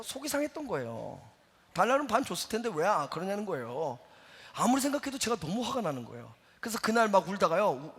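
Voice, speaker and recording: A middle-aged man preaching a sermon as a pastor, telling a story with lively acted-out quotes. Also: sits high, breathy edge. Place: church sanctuary. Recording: church hall reverb.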